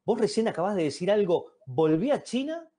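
A middle-aged man with an Argentine accent hosting a live-stream interview over a video call from a small room, animated and theatrical, slowing down to stress key words. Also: high-pitched. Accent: Argentine Spanish. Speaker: interview host. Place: small home room indoors. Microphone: webcam mic on a video call.

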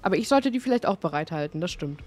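A woman streamer talks fast and animatedly in a lowish, darkish voice, giving casual, playful, chatty commentary as she plays a video game. Faint music from the game plays behind her.

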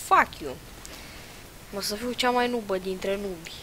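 Young woman, mid-pitched, excitable gameplay commentator, faint noise under the mic. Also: low-quality recording. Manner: excitable, loud outbursts and muttered asides. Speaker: gaming channel host.

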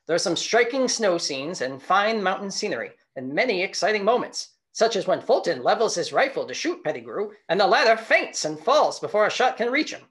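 A man reading aloud in a put-on Mid-Atlantic radio voice from the 1920s, lofty and measured. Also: high voice, a bit bright, pitched above the performer's own voice.

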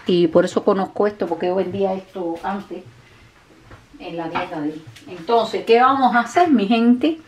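Mujer cubana charlatana cocinando en casa. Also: female voice, medium pitch, moderate pace, darkish tone, a little hiss or hum. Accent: Cuban Spanish. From Cuba. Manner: chatty, affectionate, addresses viewers as "mi gente". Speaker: cooking vlogger. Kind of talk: casual cooking vlog talk to viewers. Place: home kitchen. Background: dishes, pots and pans clattering.

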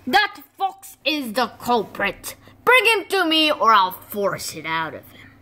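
A shrill, furious cartoon hen. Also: female voice, huge pitch swings, slow pace, sharp tone, full character voice. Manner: shrill and demanding. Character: furious bossy cartoon hen missing her eggs.

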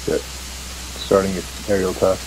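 A man's voice: low voice, completely flat delivery, unhurried. A man speaking casual fire radio chatter as a truck firefighter in a role-play game. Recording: faint hiss behind voice.

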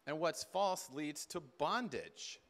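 A middle-aged man with a slightly high, expressive, fairly bright voice talks slowly to a conference crowd in a loose, sermon-like way, repeating words and acting out snippets of dialogue. He's in a large indoor hall with a seated audience, picked up by a distant camera at the back of the room.

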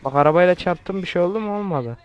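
A man's voice: high-pitched, quick pace, clean tone, muffled recording. A man giving crude, joking let's play commentary, swearing often and sounding baffled by what he plays. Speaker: gamer.

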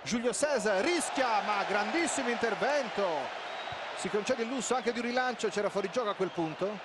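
A high-voiced male football commentator calls the action in urgent, clipped bursts that build toward excited goal calls. His voice rides over very loud stadium noise. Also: normal speed. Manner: urgent, clipped phrases, names players as play unfolds. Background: stadium crowd noise.

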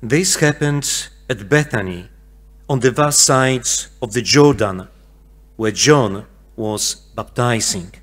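A middle-aged man reads scripture as a priest at a church pulpit. His delivery is solemn and slow, at an average pitch, into a lectern microphone. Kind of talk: solemn Gospel reading. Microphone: gooseneck lectern microphone.

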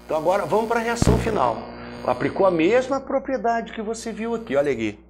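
Lecturing chemistry in a chatty style, this Brazilian teacher with a Brazilian Portuguese accent quizzes himself by name and repeats every step aloud. He talks fast in a high, very animated voice against a noisy background, his throat briefly irritated.

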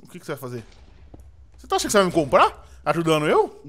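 A man's voice: fairly high pitch, wildly swooping pitch, very fast, a bit bright. A young Brazilian man with a Brazilian Portuguese accent, teasing his friends during casual gameplay banter. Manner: teasing, mock-indignant, laughing. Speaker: gaming youtuber.

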